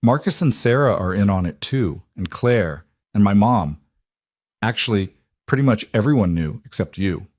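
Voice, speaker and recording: A man's voice: on the low side, lively intonation, normal speed, darkish tone, dry recording, studio quality. A man as a tender, nervous suitor. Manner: earnest, tender. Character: nervous, heartfelt man proposing to partner.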